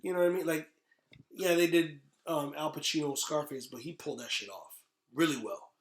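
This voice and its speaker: A podcast host with a fairly high voice speaks a little fast as he chats about movies, blunt and informal with a bit of swearing. The room is echoey.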